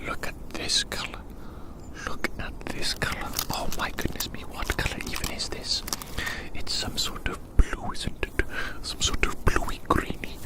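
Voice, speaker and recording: This is a soft, breathy whisper with no voicing, from an ASMR performer musing gently to the listener during an outdoor roleplay. Phrases are repeated slowly, all kept hushed.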